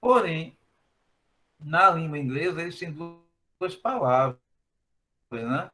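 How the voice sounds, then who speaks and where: A math teacher, talking through a recorded lesson at an easy explaining pace. His voice is bright and ringing, sitting a bit high for a man. He repeats his points and keeps tagging them with a questioning "né?". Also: animated, takes it slowly. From Brazil.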